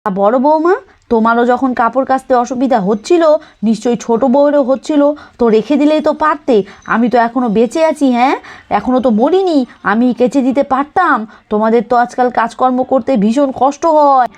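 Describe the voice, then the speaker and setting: Lady voicing a grumpy old mother-in-law in a doll cartoon, high voice, keeps scolding her daughters-in-law. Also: moderate pace, darkish tone, natural voice. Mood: nagging. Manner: scolding, nagging. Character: elderly mother-in-law, sharp-tongued and proud.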